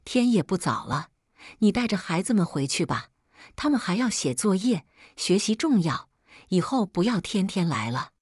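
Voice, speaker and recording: A woman's voice: mid-range voice, sing-song, moderate pace, darkish tone, breathy edge, no room sound, clean studio sound. A woman voicing a young mother who talks back coldly, with sarcastic, cutting remarks. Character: young mother, cold and sharp-tongued.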